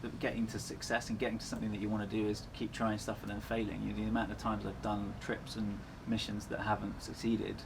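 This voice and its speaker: A man's voice: lowish voice, monotone, quick pace, hardly any pauses. A man chatting casually as an interview guest, speaking in an earnest, reflective way. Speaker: endurance runner, interview guest. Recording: clearly noisy ambient background.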